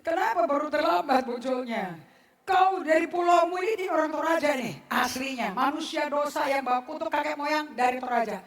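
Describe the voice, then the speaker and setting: High-pitched woman preaching, scolds the crowd, jokey and blunt, echoey church. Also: a little fast, far from the mic. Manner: scolding, blunt and jokey, mixing formal and slang. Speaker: pastor. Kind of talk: sermon. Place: church service.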